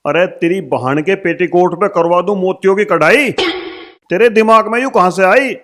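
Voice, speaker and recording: A man playing a rough, scolding husband in a village comedy sketch. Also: high voice, normal speed, a bit bright. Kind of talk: rustic comedy acting.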